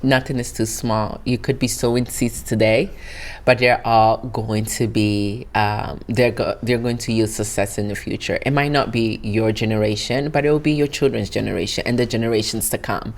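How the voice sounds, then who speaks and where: A woman's voice: very deep voice, steady tone, normal speed. Earnest woman. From Italy. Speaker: interview guest, founder. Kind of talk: reflective interview answers.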